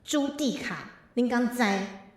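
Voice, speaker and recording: A woman's voice: a little high, expressive, slow. A woman streamer with a Taiwanese Mandarin accent, chatting casually between songs and playfully pretending to be angry at her chat. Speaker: virtual streamer. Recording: roomy sound with faint backing music.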